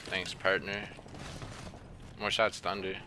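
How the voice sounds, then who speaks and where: A man's voice: low voice, level tone, slow, background noise. A man hosting a gaming channel, chatting casually and slangily over gameplay. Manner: slangy, informal. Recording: loud music and game gunfire behind. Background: music and gunfire.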